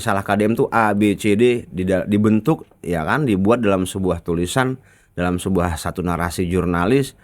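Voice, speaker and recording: A man with a Sundanese accent giving a chatty, colloquial commentary that rebuts a news article. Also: sits low. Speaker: political commentator.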